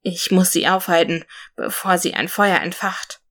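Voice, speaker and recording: A woman's voice: on the low side, moderate pace, fairly bright tone. A woman voicing a brave, earnest male forest warrior in a storybook reading. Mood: solemn. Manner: earnest, solemn speech.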